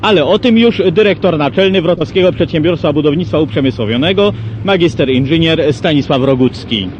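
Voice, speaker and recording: A man's voice: fairly high pitch, expressive, fairly quick, darkish tone, dull audio, a little hiss or hum. A man giving a formal scripted news report, played back from an old worn archive tape. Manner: formal announcer delivery. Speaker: newsreel reporter.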